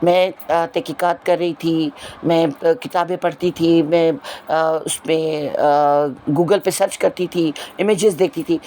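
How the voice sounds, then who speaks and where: A woman's voice: sits low, fairly even intonation, warm tone, slight background noise. Earnest woman teacher lecturing students. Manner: earnest, repetitive, lecturing with rhetorical questions. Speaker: Urdu teacher. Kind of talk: explanatory lesson, addressing students.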